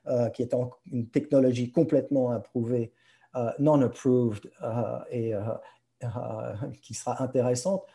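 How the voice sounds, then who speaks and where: A man with a warm, mid-range voice presents slides as a guest speaker on a remote video conference. Speaking French, he hesitates, searches for words, and slips in practised English terms.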